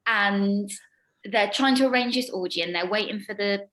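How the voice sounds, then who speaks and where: A woman's voice: moderate pace, a bit bright. Chatty young woman telling stage stories. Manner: rambling with many ums, acts out quoted lines in a high voice. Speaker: actress, interview guest. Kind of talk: casual anecdote-telling.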